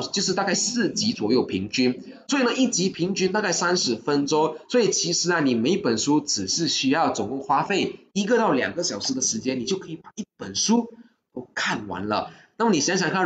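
Host, chirpy hard sell, echoey room. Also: medium pitch. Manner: upbeat, urging, sprinkles English words and sentence particles. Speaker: livestream host of a book club. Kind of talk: live-stream sales pitch and Q&A.

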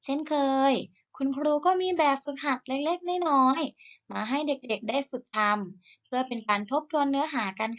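A woman teacher leads a recorded reading lesson for young pupils. She models each sound slowly and clearly and speaks warmly to encourage them. Her voice sits a little high, and the recording sounds slightly muffled. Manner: slow, deliberate modelling of sounds for repetition; gentle, encouraging tone to children. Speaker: primary school teacher.

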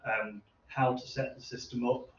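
In a medium seminar room with hard walls, a man in his thirties presenting research answers questions at an informal technical seminar, speaking haltingly as he thinks aloud in a mid-range, level voice. The camera microphone sits far away, so the audio is distant, reverberant, muffled, and noisy.

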